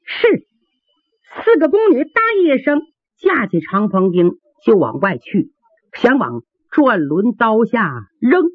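Woman storyteller, husky, swooping delivery, dry phone-like recording. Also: on the high side, sing-song, measured pace, no room sound. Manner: rhythmic, dramatic. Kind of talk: traditional storytelling narration. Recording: dry, tinny phone-like sound.

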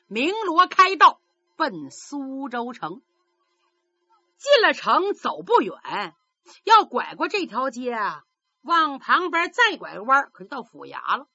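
A woman telling a traditional story in a lively, dramatic manner. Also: sits high, a little slow, no echo, lo-fi sound. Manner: lively, dramatic narration with many voices.

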